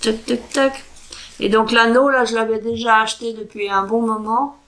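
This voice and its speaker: A woman doing a casual crafting vlog, talking in a hesitant, chatty way and sounding out foreign words slowly. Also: a little high, flat delivery, fairly bright tone, poor audio. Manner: chatty with frequent fillers and self-corrections. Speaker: crafting vlogger. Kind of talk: casual show-and-tell craft chat.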